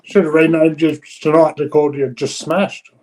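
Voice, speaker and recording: A man's voice: fairly high pitch, flat delivery, moderate pace, a little mellow, low-quality recording. A man chatting casually in a laid-back, sweary way. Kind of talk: casual chat.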